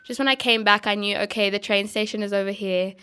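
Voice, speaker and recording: A woman's voice: medium pitch, fairly even intonation, fast, sharp tone, clean tone. Young woman, reflective guest. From Australia. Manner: thoughtful, uses "like" and "I think". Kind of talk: conversational interview.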